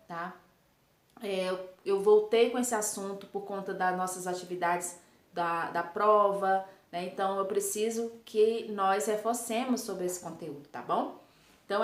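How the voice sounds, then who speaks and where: A woman's voice: medium pitch, fairly bright tone. A primary school teacher, a woman, patiently explaining a worksheet in a recorded class, checking in often with short tag questions. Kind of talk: recorded remote class lesson. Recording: echoey room.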